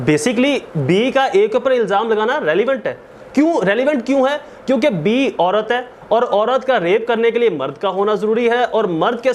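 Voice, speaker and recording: A man with a Pakistani accent and a voice that sits high delivers a didactic, explanatory law lecture, with slight background noise. He repeats points, poses and answers his own questions, and switches into English legal terms.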